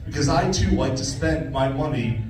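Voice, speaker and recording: A man in his thirties from Florida doing a stand-up set with deadpan, self-deprecating one-liners. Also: medium pitch, normal speed. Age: 30s. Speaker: stand-up comedian. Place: comedy club stage. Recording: roomy club sound from a distant camera. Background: audience laughter and club noise.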